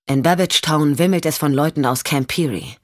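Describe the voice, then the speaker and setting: Reader doing a calm male investigator, plain and level, dry studio sound. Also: medium pitch, moderate pace, dry recording, natural voice. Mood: urgent. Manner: calm and reassuring. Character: steady male investigator, calm under pressure. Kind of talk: audiobook reading.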